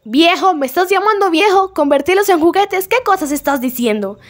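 A woman's voice: very high-pitched, expressive, moderate pace, voice pushed up. A woman voicing an old grandfather who gets huffy and offended at being called old. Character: indignant old grandpa, touchy about age.

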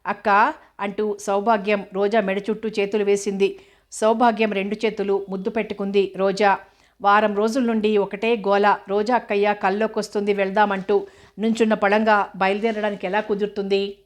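A woman narrating a novel as an audiobook, with a steady, even reading. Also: medium pitch, moderate pace.

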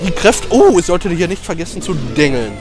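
Fast-talking high-voiced young man. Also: very animated, music in the background. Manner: fast, jokey, rambling. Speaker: let's play commentator. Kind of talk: casual gaming commentary.

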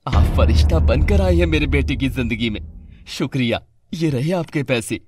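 A man voicing a desperate wealthy father in an animated serial who pleads earnestly. The delivery is close and dry, with an animated pitch. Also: normal speed, breathy edge, dry recording, soft background music. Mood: grateful. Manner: pleading, then grateful.

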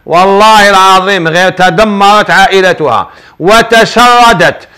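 A man's voice: sits high, moderate pace, bright, forceful tone, clean tone. A middle-aged man speaking with an Algerian Arabic accent, a sheikh hosting a religious advice show, preaching in an emphatic, repetitive, colloquial storytelling manner. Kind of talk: preaching, answering viewer questions.

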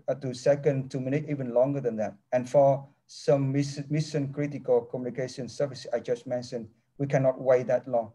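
An engineering professor with a mellow, medium-pitched male voice speaks haltingly on a video call, using non-native English with many restarts. He's in an office with a large window, picked up by his laptop's webcam mic.

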